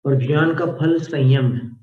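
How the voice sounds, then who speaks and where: A man leads a recitation lesson on a devotional hymn. He breaks each syllable apart with slow, patient care and chants lines in a lifting melody. The sound is roomy and a little muffled. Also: medium pitch, a little hiss or hum. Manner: slow, careful pronunciation drills; chants verses in a rising melody. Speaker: Jain scripture teacher. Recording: roomy, dull lo-fi audio.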